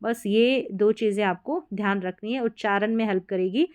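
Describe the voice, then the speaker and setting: A woman's voice: medium pitch, moderate pace, a little mellow, clean tone. A woman teaching English spelling rules in a Hindi lesson, patiently repeating each word several times.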